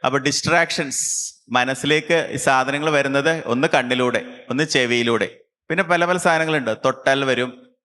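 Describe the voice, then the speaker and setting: Calm man guiding a class. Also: mid-range voice. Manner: slow, calm instructions with long pauses. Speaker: camp instructor. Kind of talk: guided concentration exercise.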